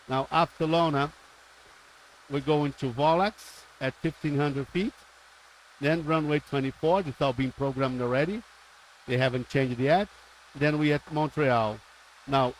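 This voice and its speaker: A man's voice: mid-range voice, a little hiss or hum, low-quality recording. A man working as a simulator pilot instructor, methodically talking through an approach briefing step by step on a live stream.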